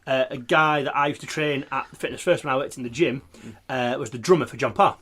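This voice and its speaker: English guy, relaxed, lots of uhs, telling a story on a podcast. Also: mid-range voice, a little fast, breathy edge. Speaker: podcast co-host. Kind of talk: casual chat.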